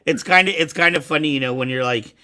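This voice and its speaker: A man hosting a casual podcast interview, chatty and agreeable, often answering with quick repeated affirmations. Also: a little high, pushed and bright. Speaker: podcast host.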